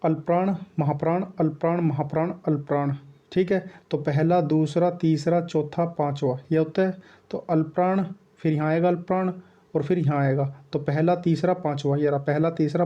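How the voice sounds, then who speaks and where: A man's voice: a little high, mellow, dull audio. A young man teaching an exam-prep grammar lesson, repeating points and sounding out letters over and over. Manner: repetitive, coaxing, drills sounds aloud.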